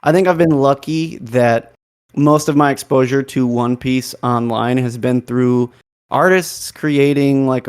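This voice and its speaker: A man on a casual podcast panel who works through his points slowly, wandering into asides as he goes. His voice has an ordinary middle pitch. He sounds conversational and unhurried. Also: a little mellow, clear, resonant tone.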